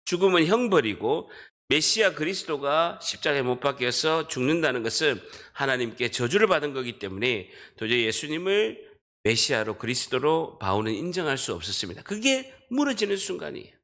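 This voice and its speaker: Pastor, man, Busan accent, slightly high voice, emphatic sermon in a church. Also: sing-song, fairly quick, pushed and bright. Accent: Busan dialect. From Busan, South Korea. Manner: emphatic preaching, directing the congregation to read and underline. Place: church sanctuary.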